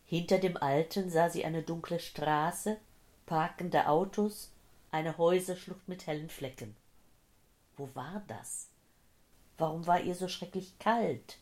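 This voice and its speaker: A woman reading a tense thriller as an audiobook narrator, measured and steady. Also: lowish voice. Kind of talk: scripted narration.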